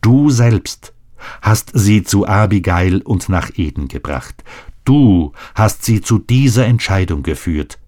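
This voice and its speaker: In a storybook reading, a man plays a gentle, steady mother and wife. She speaks soothingly but firmly, raised above the reader's low voice. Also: slow.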